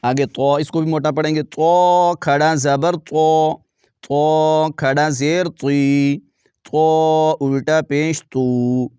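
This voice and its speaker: Clear-voiced man teaching Quran letters. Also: a little high, darkish tone, no room sound. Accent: Pakistani Urdu. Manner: slow drawn-out syllable drills, brisk asides explaining pronunciation. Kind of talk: slow recitation lesson with explanations.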